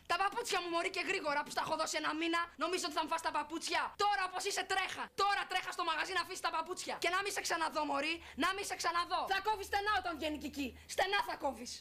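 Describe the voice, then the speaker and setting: A woman's voice: very high-pitched, sharp tone, heavily acted. A venomous foul-mouthed young woman. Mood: venomous tirade. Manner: insulting, venomous, crude. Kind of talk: film drama acting.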